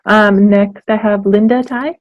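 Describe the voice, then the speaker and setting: A woman hosting a workshop on a video call, friendly and a little hesitant, with frequent pauses. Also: mid-range voice, steady tone, no echo, lo-fi sound. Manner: friendly, hesitant with many ums. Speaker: workshop host. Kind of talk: casual video call chat.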